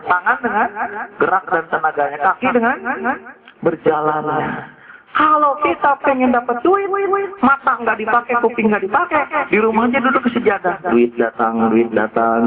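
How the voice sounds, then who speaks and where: A man from Indonesia preaching a sermon in a casual, lively manner, swinging between high exclamations and low drawn-out phrases. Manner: casual Jakarta-style slang mixed into teaching. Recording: phone-like lo-fi recording with crowd.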